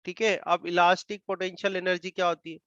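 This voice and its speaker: A man with an Indian accent teaching physics, explaining slowly and repeating terms, dictating English definitions word by word. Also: high voice, flat delivery, fairly bright tone, dry recording. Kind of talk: classroom lecture. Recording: dull muffled dry sound.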